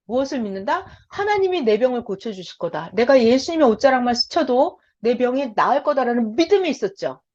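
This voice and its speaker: A woman's voice: on the high side, very animated, a little fast, few pauses, a little mellow. A woman teaching a Bible story lesson, quizzing her listeners and acting out the voices in quotes. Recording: dull lo-fi sound.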